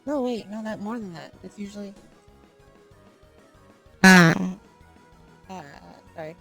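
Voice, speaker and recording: A woman's voice: mid-range voice, slow, faint music behind. A woman streamer in casual chat, rambling and tripping over her words, her mic clipping and distorted. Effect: clipping, distorted loud mic. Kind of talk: casual chat while gaming.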